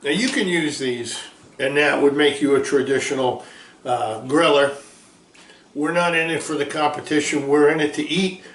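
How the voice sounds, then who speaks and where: Cheery pitchman cooking on camera, slightly high voice, roomy kitchen sound with faint hum behind. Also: normal speed, a bit bright. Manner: folksy, upbeat pitchman. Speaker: small food business owner. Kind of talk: cooking demonstration.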